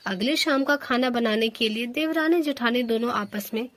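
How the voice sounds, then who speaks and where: A woman's voice: a little high, moderate pace, a bit bright, slight background noise. A woman narrating a cartoon story.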